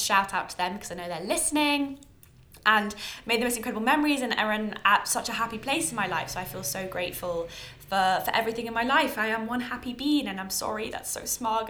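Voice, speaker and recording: Podcast host: British woman, early twenties, mid-pitched, gushing and informal, echoey home-made sound from under a towel. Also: pushed and bright. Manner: effusive, self-deprecating, emphatic. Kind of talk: chatty, informal podcast monologue. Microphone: own bought podcast microphone. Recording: echoey homemade podcast recording.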